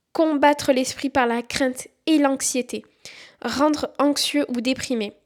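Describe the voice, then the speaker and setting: A young woman hosting a podcast on faith, talking earnestly and encouragingly and reading verses aloud. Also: on the high side. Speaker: podcast host.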